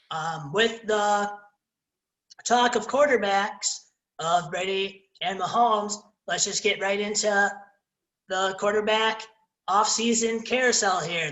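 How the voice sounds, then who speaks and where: Man, podcast co-host, relaxed sports chatter who steers the topics, roomy echo on the voice. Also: high-pitched. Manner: relaxed, leads the discussion and moves to new topics. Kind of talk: casual sports chat.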